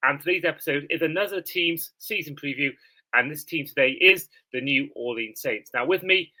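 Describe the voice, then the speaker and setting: A man's voice: fairly high pitch, bright, forceful tone, poor audio. A man from Wales hosting a sports podcast, chatting in a friendly, easygoing way. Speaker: podcast host. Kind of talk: casual podcast chat.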